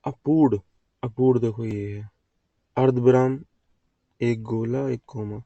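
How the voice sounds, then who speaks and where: A man's voice: mid-range voice, steady tone, takes it slowly, gravelly, dark tone, no room sound. A man teaching an exam-prep grammar lesson, asking questions and answering them himself in a call-and-response way. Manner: quizzing, call-and-response delivery. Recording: dull lo-fi sound.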